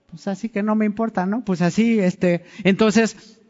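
A pastor preaches a sermon conversationally, asking the congregation questions as he goes. His voice sits high with a steady, darkish tone and an unhurried pace, and the dull sound carries long hall reverb.

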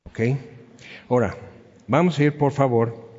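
A man's voice: mid-range voice, a little slow, darkish tone, slightly rough, lo-fi sound. Man preaching in a reverberant hall. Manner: storytelling with acted-out quotes. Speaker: pastor. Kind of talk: sermon.

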